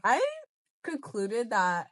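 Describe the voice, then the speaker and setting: A woman's voice: mid-range voice, lively intonation, slow, a bit bright. A young woman co-hosting a casual podcast, rambling and laughing as she chats. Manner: giggly, reactive, rambling. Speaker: podcast co-host. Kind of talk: casual chat.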